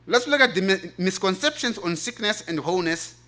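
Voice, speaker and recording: At a church health forum, a presenter with an African accent delivers his paper in a preaching style. His voice is high, forceful and expressive, his pace brisk, and he keeps repeating his main phrases for emphasis, sounding earnest and emphatic throughout.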